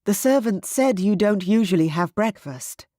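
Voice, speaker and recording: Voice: medium pitch, expressive, normal speed, mellow, dry recording, studio quality, voice pushed up, close to an everyday voice. A synthetic-sounding narrator voicing a playful, coaxing young princess in a slightly raised voice. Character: young woman, a bold visiting princess.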